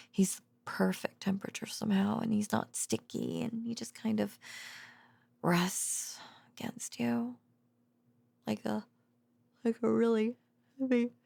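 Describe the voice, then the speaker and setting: In an intimate bedtime audio roleplay, a medium-pitched woman fully voices a drowsy, fond girlfriend, a bashful researcher home from work. She murmurs softly and breathily, dipping into whispers and creak, and sounds hesitant, rambling, giggly and tender. The close mic is dry, with no room sound.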